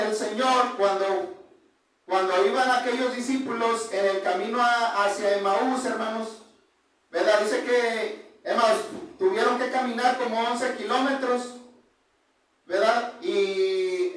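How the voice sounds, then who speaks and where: A man preaching an informal Bible sermon, constantly calling his listeners brothers and halting to restart his sentences. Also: high-pitched, a bit bright. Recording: echoey room, distant mic.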